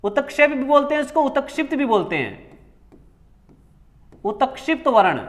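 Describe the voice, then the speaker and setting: A male coaching-class teacher with a very high-pitched voice works through a grammar lesson. He says each term again and again, asks a question, then answers it himself. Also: big pitch swings, moderate pace, a bit bright. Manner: repeats key words, asks and answers himself.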